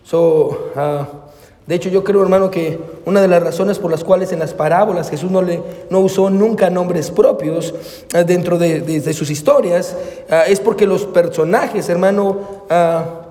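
A high-pitched, mellow male voice at normal speed belongs to a pastor giving a sermon. He keeps saying amén and hermano, switches into English phrases, and hesitantly restarts while narrating, with a long reverb from the hall.

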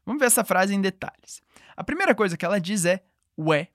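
A woman teaching a podcast language lesson, patiently repeating words slowly for listeners to echo. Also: mid-range voice, lively intonation, studio quality.

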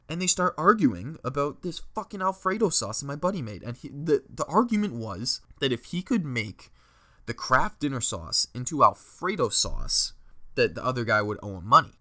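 A man's voice: fairly low pitch, bright, forceful tone. Young man from Ontario telling party stories. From Ontario, Canada. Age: young adult. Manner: rambling, laughing, lots of filler words and swearing. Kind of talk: casual storytelling.

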